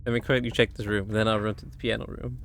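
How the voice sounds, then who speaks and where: A man's voice: lowish voice, little pitch movement, fast talker, fairly bright tone, a little hiss or hum. A man doing casual livestream game commentary, muttering to himself and repeating his phrases as he plays.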